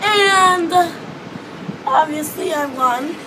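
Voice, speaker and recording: A teenage girl vlogs from an outdoor hotel balcony above a beach, her voice hoarse, high, and strained from losing it. She talks very slowly and chattily, rambling with many fillers, close to a phone or webcam in front of her. Ocean waves, wind, and beach noise come through clearly behind her.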